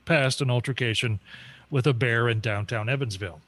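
A man's voice: medium pitch, brisk, a bit bright. A man co-hosting a morning radio show, chuckling often and reading segment lines in a wry way. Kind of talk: casual morning radio banter.

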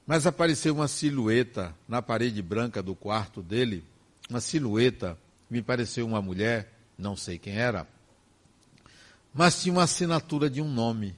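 In a mid-range voice, an older spiritist speaker with a Brazilian Portuguese accent shares a personal testimony. His storytelling is slow, emphatic, and emotive.

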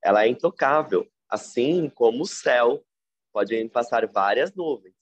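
A man with a Brazilian Portuguese accent, a podcast guest telling a personal story in a reflective, animated way. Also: unhurried, slightly rough, dry recording. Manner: animated, reflective storyteller with big pitch swings.

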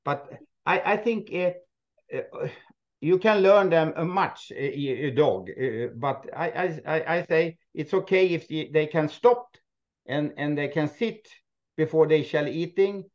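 A Swedish man who owns a moose park, speaking halting, non-native English with many restarts and frequent laughs in a casual interview. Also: a little high, lively intonation, muffled recording. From Sweden. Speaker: moose park owner, guest.

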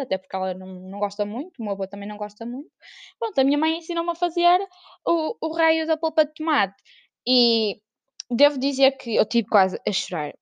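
A woman's voice: a little high, no room sound. A young woman with a European Portuguese accent, chatting casually on her own podcast, laughing often and acting out her family's voices. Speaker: podcast host. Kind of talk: casual solo chat.

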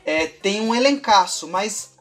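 A man, co-hosting a podcast and talking in a critical, analytical, measured way. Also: high-pitched, lively intonation, faint music behind. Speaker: podcast co-host. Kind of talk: casual chat about TV soap operas.

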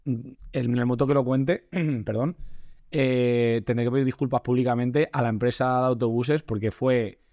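A man's voice: mid-range voice, fairly even intonation, moderate pace, warm tone, no echo. Man from Spain, dry close voice. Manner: rambling storyteller, hesitant fillers and self-interruptions. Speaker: podcast co-host. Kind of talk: casual comedic chat.

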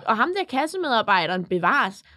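A woman in her twenties co-hosting a podcast, telling an animated story in casual chat with lots of swearing. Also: mid-range voice, no room sound, clean studio sound. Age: 20s. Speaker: podcast co-host.

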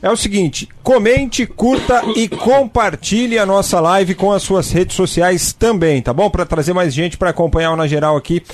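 A man's voice: high-pitched, normal speed, few pauses. A man hosting a live radio show, chatting through promotional announcements.

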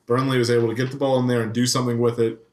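A man's voice: mid-range voice, flat delivery, racing. A man on a casual sports podcast, breaking down the match with stats. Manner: analytical, stat-driven. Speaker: podcast co-host. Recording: echoey room.

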